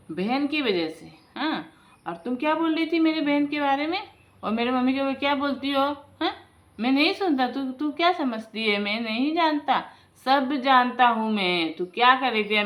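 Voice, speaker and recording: A woman voicing an angry young husband who loudly scolds his wife in a told folk story. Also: fairly high pitch. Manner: loud, accusing, scolding.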